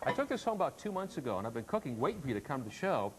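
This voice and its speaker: A man presenting products as a home shopping host, chatting through a live sales pitch in a conversational way. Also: big pitch swings, rapid-fire, a little hiss or hum, poor audio. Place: TV studio demonstration set.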